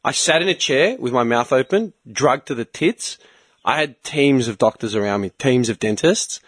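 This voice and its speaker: A man's voice: mid-range voice, expressive, normal speed, dry recording. Sweary man telling a story. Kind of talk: casual chat.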